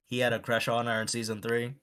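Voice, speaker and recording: A man's voice: medium pitch, quick pace, clear, resonant tone. A man co-hosting a casual podcast chat, talking animatedly and acting out what other people say. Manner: animated, acts out quoted voices. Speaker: podcast co-host.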